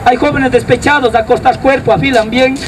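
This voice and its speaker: A man's voice: very high-pitched, steady tone, a little fast. A man with an Ecuadorian accent doing a crude, rowdy street comedy routine outdoors, calling his audience "brother". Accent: Ecuadorian Spanish. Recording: distant mic, loud crowd and street noise.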